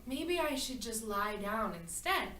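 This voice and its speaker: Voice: mid-range voice, expressive, measured pace, sharp tone, a little hiss or hum. A woman voicing a curious, nosy young girl in a told storybook tale. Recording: echoey room, far from mic.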